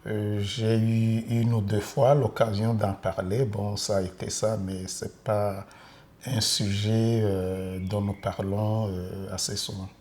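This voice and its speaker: Hesitant man, low voice, faint hiss. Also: level tone, slow pace, darkish tone. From Rwanda. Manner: hesitant, many fillers. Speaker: interviewee. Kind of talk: testimony.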